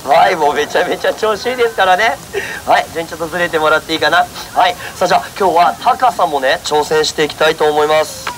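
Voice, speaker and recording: A man's voice: on the high side, quick pace, fairly bright tone. A man performing a street monkey show, jokingly scolding and coaxing his monkey while politely talking to the audience. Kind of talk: live street show banter with a crowd. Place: outdoor autumn festival. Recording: noisy outdoor festival ambience.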